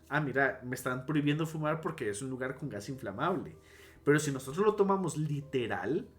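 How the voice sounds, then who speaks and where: A man teaching logic in a casual online lecture, explaining step by step and stopping to restate and correct himself. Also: fairly high pitch.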